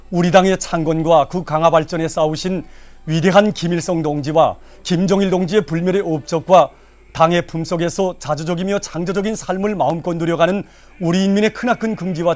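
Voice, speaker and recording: A man's voice: a little high, darkish tone. A man with a North Korean accent reading scripted news in a solemn, declamatory manner. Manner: declamatory, formal. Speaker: news announcer.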